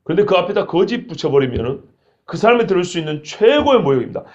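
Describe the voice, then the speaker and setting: Animated high-voiced male preacher. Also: fast, highs cut off. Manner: animated preaching, acts out quoted lines with sudden shouts. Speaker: pastor. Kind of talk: expository sermon.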